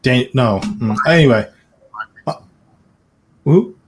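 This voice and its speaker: A man co-hosting a casual chat, animated and laughing often, slipping into joking voices. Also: mid-range voice, takes it slowly, soft background music.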